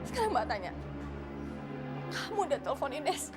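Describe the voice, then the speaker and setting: A woman's voice: high-pitched, very animated, moderate pace. An actress playing a distressed older sister who scolds her brother while near tears, in a TV drama. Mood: scolding tearful. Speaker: older sister figure (Mbak). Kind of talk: TV drama acting. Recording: TV drama with loud music behind.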